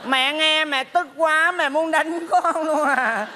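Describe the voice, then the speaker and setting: A man's voice: very high voice, fairly even intonation, bright, forceful tone, a little hiss or hum, voice pushed up, full character voice. A man putting on a nagging old mother's ghost. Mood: fussing. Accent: Southern Vietnamese. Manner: slow, drawn-out scolding. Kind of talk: stage comedy sketch.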